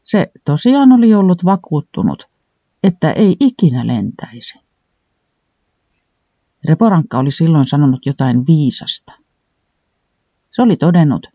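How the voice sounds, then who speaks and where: A man narrating a children's storybook in an animated, sing-song reading style. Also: fairly high pitch, no room sound, highs cut off.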